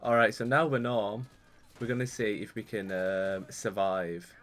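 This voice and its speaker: Unhurried and fairly low-pitched, this young gaming YouTuber rambles chattily as he plays. Things going wrong make him excitable.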